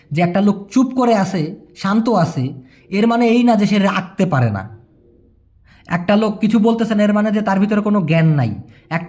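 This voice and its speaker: Casual male tutor with a high voice, breaks phrases down patiently. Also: a little mellow. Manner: explains word by word, repeats phrases slowly. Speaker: language teacher. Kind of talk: casual spoken lesson.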